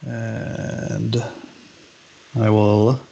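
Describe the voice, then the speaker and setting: A man's voice: lowish voice, little pitch movement, drawn-out words, creaky, mellow, highs cut off, slight background noise. A man playing a board game with friends, teasing them and counting his moves aloud. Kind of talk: casual game-night chat.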